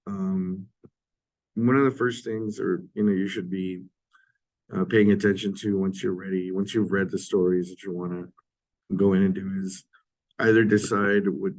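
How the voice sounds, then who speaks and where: Hoarse, low-voiced man lecturing, voice giving out. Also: flat delivery, a little mellow, rough recording. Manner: halting, frequent throat clearing. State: hoarse sore-throat voice, giving out. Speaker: literature lecturer. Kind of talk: informal recorded lecture.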